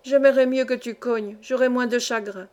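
A woman's voice: fairly high pitch, fairly even intonation, moderate pace, a little mellow, close to an everyday voice. Tearful frightened boy, read by a woman. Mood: tearful, despairing. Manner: tearful, self-reproaching. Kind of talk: storybook dialogue reading.

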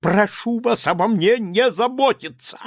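Guy reading as a hysterical young nobleman, shrill and loud, dry close mic. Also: a little slow, no echo. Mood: indignant. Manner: high-pitched, loud and indignant outbursts. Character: hysterical indebted young nobleman, indignant, shouting. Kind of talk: audiobook character reading.

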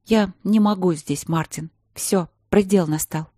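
A woman's voice: fairly low pitch, a little slow, dark tone, no room sound, studio quality. Woman voicing a hot-tempered young princess. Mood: fervent pleading. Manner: emotional, pleading, fervent.

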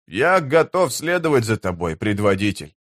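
A man voicing a big, blunt male warrior companion in an audiobook, speaking in short, gruff replies. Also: lowish voice, sing-song, normal speed, no echo, studio quality.

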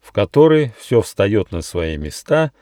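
A man reading his own fairy tale as an audiobook, with expressive storytelling. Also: fairly low pitch, a little slow, dry recording. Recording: dry studio audiobook.

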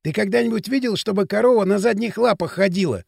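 A man's voice: high voice, fast, vocal fry, darkish tone, slightly rough, no room sound, clean studio sound, heavily acted. Man voicing a brash, bossy teenage street lad. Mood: excited. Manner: brash, mocking, pushy slang. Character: cocky bossy teenage boy from town outskirts. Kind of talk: audiobook character voice.

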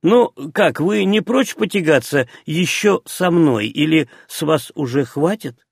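A man voicing a big, broad-shouldered red-haired archer in an audiobook reading, brash and teasing, with a gravelly voice. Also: fairly high pitch, animated, a little slow, dry recording, studio quality, voice pushed up, heavily acted.

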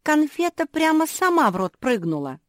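A woman voicing a gentle, sweet-toothed pug seamstress who speaks softly and earnestly. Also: sits high, big pitch swings, normal speed, no room sound, studio quality, voice pushed up. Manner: soft, apologetic and earnest.

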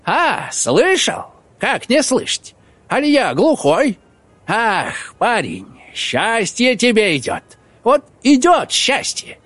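Мужчина читает за пожилого странника, мягко, спокойно и по-простонародному. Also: male voice, extremely high pitch, wildly swooping pitch, takes it slowly, no room sound, pitched above the performer's own voice, full character voice. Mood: calm. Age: older. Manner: gentle, folksy. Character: calm kindly old wandering man.

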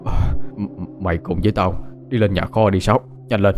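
A man's voice: low voice, fairly even intonation, a little fast, darkish tone, faint music behind, lightly acted. A man as an urgent old grandfather. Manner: hesitant "ờ" fillers, urgent commands.

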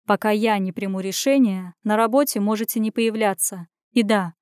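A stern, restrained male department head who speaks in short, dry, measured phrases, read by a woman narrator. The recording is close and dry, with no room around the voice. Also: mid-range voice, fairly even intonation, a little mellow, clean tone, no echo, natural voice. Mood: curt.

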